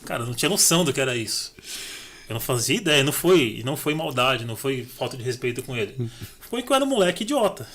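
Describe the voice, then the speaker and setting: This middle-aged Brazilian podcast guest has a mid-range voice and a brisk delivery broken by frequent pauses. He shares his life story casually, lively and performing the dialogue as he goes.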